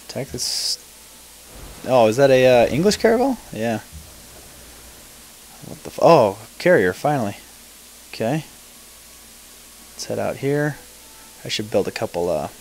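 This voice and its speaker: A man's voice: on the low side, a little hiss or hum, rough recording. A man giving casual gameplay commentary, thinking aloud, mumbling and swearing now and then. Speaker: let's play gamer.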